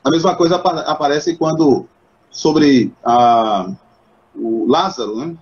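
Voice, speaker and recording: Guy hosting a live bible chat, kinda high voice, dull lo-fi stream sound. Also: slow pace. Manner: animated, acts out quoted voices with laughs. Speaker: host.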